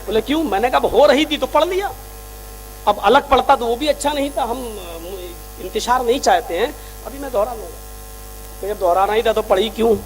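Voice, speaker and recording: A man giving a sermon and telling a story, acting out both sides of a conversation and rising to shouts. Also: very high voice, expressive, normal speed. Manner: impassioned, acts out dialogues, rises to shouting. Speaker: preacher.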